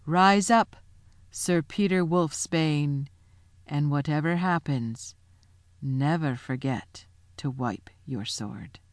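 A woman voicing a great male lion who speaks slowly and solemnly. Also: deep voice, no echo, clean studio sound. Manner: slow, solemn.

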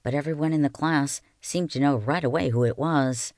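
A reader narrating a novel aloud in a calm, even storytelling manner. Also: medium pitch, normal speed, no echo, clean studio sound. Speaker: audiobook reader.

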